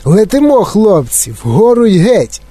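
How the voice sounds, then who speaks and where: A man voicing an excitable, eccentric male candy-maker in an audiobook, gushing with breathless enthusiasm. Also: high-pitched, moderate pace, no echo, pitched above the performer's own voice. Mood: excited. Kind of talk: audiobook reading.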